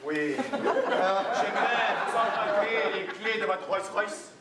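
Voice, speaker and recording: A man's voice: a little high, brisk, over a noisy crowd, close to an everyday voice. A man playing an ardent, devoted suitor in melodramatic improv comedy, with a Quebec French accent. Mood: pleading. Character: ardent, devoted grown suitor Samuel reunited with sweetheart. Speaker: improv player. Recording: echoey hall, distant mic, loud noise.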